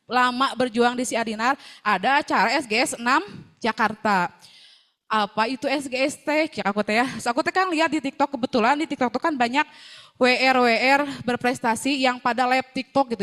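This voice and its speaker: A woman's voice: high-pitched, fairly bright tone. A young woman, chatting through a personal testimonial with many devout phrases. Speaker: seller sharing a success story.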